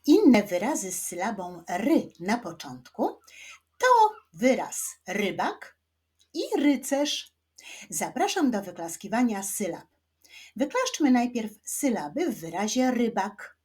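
A woman with a Polish accent teaching children to read, sounding out each syllable clearly. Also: mid-range voice, big pitch swings, takes it slowly, a little mellow. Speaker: reading teacher. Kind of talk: children's reading lesson.

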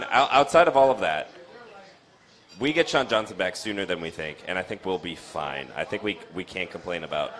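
A young man hosting a casual soccer post-game chat in a bar, talking with lots of restarts and jumps in pitch. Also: a bit bright. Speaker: soccer show host. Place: dim bar. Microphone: studio mic on stand with foam cover, headphones.

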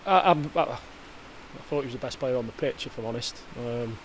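Hesitant football manager. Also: male voice, medium pitch, normal speed, slight background noise. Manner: hesitant, many fillers and restarts. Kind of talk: post-match interview. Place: indoor press area before a sponsor board.

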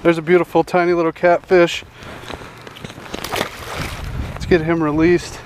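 Background noise accompanies this young fishing channel host, whose fairly high-pitched voice moves at a measured pace. Excited and chatty at a rural pond, he calls everyone "dude" and "guys" in a casual vlog shot on a head-mounted action camera.

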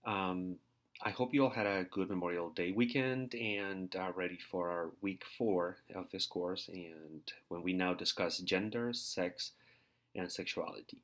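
Speaking a little slowly in a deep, fairly bright voice, a man from Peru records a university lecture over slides as a teaching assistant. He hesitates often, filling gaps and repeating words.

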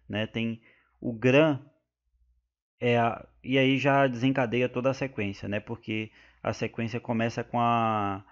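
A man with a Brazilian Portuguese accent teaching an exam-prep grammar lesson, explaining step by step, often turning to his listeners and checking that they follow. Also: medium pitch. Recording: muffled lo-fi recording.

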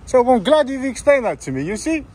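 A man's voice: very high voice, very animated, a little fast, darkish tone. Playful man filming on a street. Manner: teasing, playful, laughs often. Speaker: auditing vlogger filming with camera. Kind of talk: casual chat while filming outdoors. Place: outdoors on a city street.

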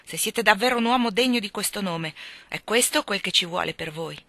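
A woman voicing a blunt, hearty young gentleman who talks loudly and forcefully. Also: medium pitch, a little fast, dry recording. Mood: boisterous, pushy. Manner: forceful, shouting, blustering.

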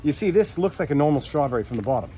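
Thirties man, selfie-cam travel vlogger outdoors, wry and chatty, slightly high voice. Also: sing-song, very fast, dark tone, a little hiss or hum. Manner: playful, wry, chatty with his kids. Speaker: family vlogger. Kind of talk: casual family travel vlog. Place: outdoors at a campsite and roadside. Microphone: handheld camera at arm's length.

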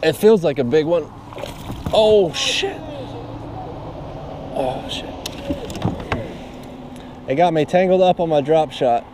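A man filming himself fishing from a kayak on an open lake, blurting excited exclamations into an action camera. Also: fairly high pitch. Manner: excitable exclamations, slow lively delivery. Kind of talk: excited outdoor fishing commentary. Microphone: action camera mounted on the kayak. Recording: outdoor wind and water noise.

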